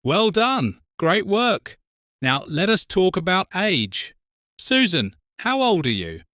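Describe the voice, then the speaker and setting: A British man in his forties co-hosting an English lesson podcast, speaking slowly and clearly for learners. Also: sits high, big pitch swings, pushed and bright, no room sound, clean studio sound. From Britain. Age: 40s. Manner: slow, careful, spells out words. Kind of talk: slow scripted teaching talk.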